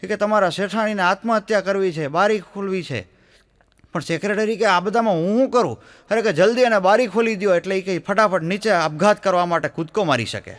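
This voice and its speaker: A stand-up comedian with a Gujarati accent tells jokes in a folksy storytelling way, acting out the voices of his characters. His voice sits high and fairly bright, and he talks a little fast.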